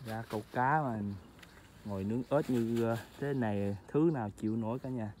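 A man narrating a casual food vlog outdoors by a stream, chatting to his viewers as family with excited exclamations. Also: medium pitch, normal speed, slight background noise. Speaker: food vlogger.

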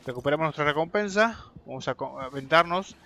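A man's voice: on the high side, lively intonation, a little fast, sharp tone. A young man giving chatty live commentary as he plays a game, talking straight to his viewers and swearing and yelping when fights go badly. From Argentina. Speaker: game streamer.

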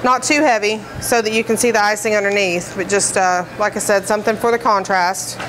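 This bakery trainer is brisk: a woman with a mid-range, steady voice running through decorating instructions in simple, practical terms, filler words coming often. The demonstration takes place indoors in a commercial kitchen against a noisy background.

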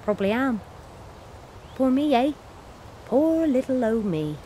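In a high, sing-song voice at a measured pace, mellow in tone, an actress delivers an audio play monologue as a self-styled wolf woman, a bitter and defiant working-class cleaner. She rambles earthily and swears, and there's slight background noise.

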